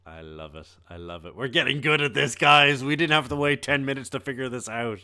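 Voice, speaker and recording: A man's voice: medium pitch, fairly quick, sharp tone, clear, resonant tone. A man hosting a casual gaming podcast, loose and swearing freely between laughs. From Ireland. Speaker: podcast host.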